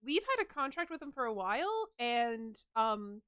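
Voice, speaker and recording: A woman runs a silly tabletop game, narrating with a giggly, rambling flow. Her voice is bright and smooth, recorded dry and close. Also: a little high, big pitch swings, moderate pace, no room sound. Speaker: game master.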